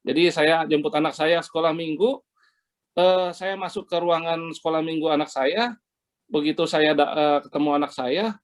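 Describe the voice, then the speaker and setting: A man giving an earnest, halting personal testimony over a video call from a hotel room, with many restarts. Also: fairly high pitch. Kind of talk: personal testimony to a men's fellowship.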